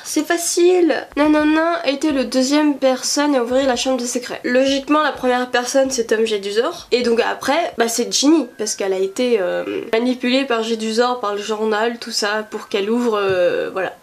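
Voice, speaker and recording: French girl youtuber chatting through a quiz, kinda high voice, hmms and guesses a lot. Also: moderate pace, hardly any pauses. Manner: thinks aloud, chatty, hesitant guesses. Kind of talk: casual quiz commentary.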